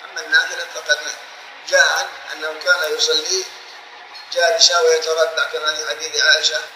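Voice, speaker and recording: In a religious law lesson, a male teacher of Islamic law patiently explains points slowly, repeating example phrases and drawling them out to demonstrate. He sounds a little high, bright and forceful, recorded roughly in an echoey room with some background noise.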